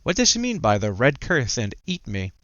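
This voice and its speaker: A man's voice: medium pitch, huge pitch swings, normal speed, a bit bright, dry recording, dull audio. A man doing casual video game commentary, talking to himself in repeated short phrases and reading game text aloud.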